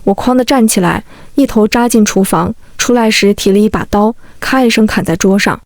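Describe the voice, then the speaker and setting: A woman's voice: medium pitch, a little fast, no echo, studio quality. A woman narrating a dramatic first-person family story, voicing every character in her own voice.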